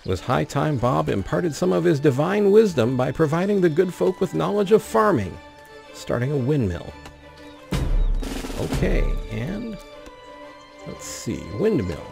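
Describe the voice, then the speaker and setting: Over music, a man hosts a let's play gaming video, commenting on the action and reading the game's story text aloud. His voice is a little high, gravelly and sing-song, and he talks a little slowly.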